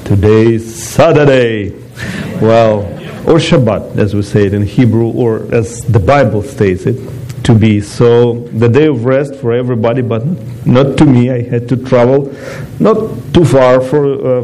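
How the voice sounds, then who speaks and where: Mellow-voiced man from Ukraine giving a testimony. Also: medium pitch, measured pace, low-quality recording. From eastern Ukraine. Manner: non-native phrasing, chatty with asides to the audience. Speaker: guest speaker giving a testimony. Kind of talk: personal testimony talk.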